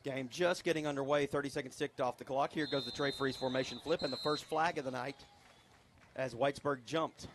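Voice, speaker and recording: A man calling a local high school football game on the radio, getting excited on big plays. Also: a little fast, background noise. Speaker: play-by-play announcer. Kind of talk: local radio sports commentary.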